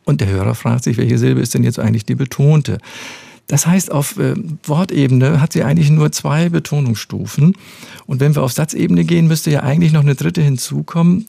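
A male professor with a heavily gravelly, creaky voice explains things in a measured, precise way. His tone is dark and mellow, and the recording is dry and close. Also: mid-range voice, no room sound. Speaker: speech scientist, professor. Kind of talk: expert interview answers.

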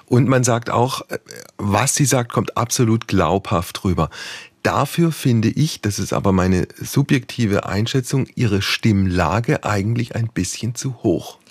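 A man's voice: on the low side, a little slow, slightly rough, no echo. A male interviewer asking short, prompting questions.

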